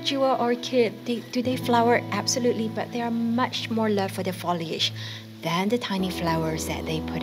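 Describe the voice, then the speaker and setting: A woman in her thirties, a host narrating a garden tour in a gentle, enthusiastic, explanatory way. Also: medium pitch. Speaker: plant channel host. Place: outdoors in a tropical garden. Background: background music.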